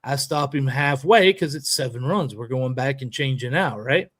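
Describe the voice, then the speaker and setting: A man co-hosting a podcast, telling a story in a lively, emphatic way and acting out a heated argument. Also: mid-range voice, moderate pace, dry recording. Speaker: podcast co-host and youth baseball coach. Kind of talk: animated storytelling in casual chat.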